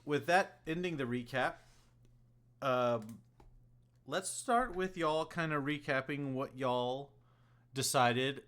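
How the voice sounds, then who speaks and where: A man's voice: medium pitch, slow pace, long pauses. Guy dm doing the recap for his tabletop group, easygoing, lots of uhs and ums. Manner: relaxed storytelling with fillers. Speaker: game master. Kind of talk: narrating a tabletop game recap.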